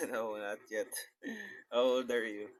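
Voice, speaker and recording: A young man answers questions softly and politely in a casual chat. His voice sits low and stays flat in pitch. It has a dry, close sound. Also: slow, dry recording. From Philippines. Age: 20s. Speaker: guest in a video chat.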